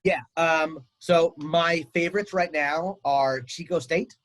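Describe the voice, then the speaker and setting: A man's voice: on the high side, steady tone, slow pace, fairly bright tone, dry recording, low-quality recording. A man coaching a family on college auditions over a video call, chatty and upbeat with lots of fillers. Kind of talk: casual advice on a video call.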